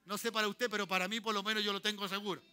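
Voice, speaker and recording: High, bright-voiced Chilean pastor preaching. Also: male voice, level tone, racing, clear, resonant tone. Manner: checks in with the congregation constantly; leads call-and-response, tells listeners to repeat. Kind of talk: sermon. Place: church.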